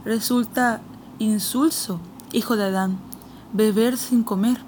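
A woman's voice: a little high, fairly even intonation, slow pace, a little mellow. A woman voicing an imperious queen who questions sharply and impatiently, in an audiobook reading with a faint hiss behind. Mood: coaxing. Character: cold imperious queen, commanding and suspicious.

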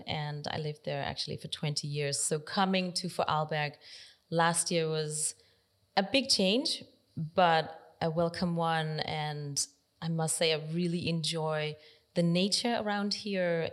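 A woman in her forties from Denmark, a podcast guest talking through her story thoughtfully, pausing often with fillers. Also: low-pitched. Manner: thoughtful, hesitant with many pauses and fillers. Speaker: podcast guest, nonprofit library director. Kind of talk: reflective interview conversation.

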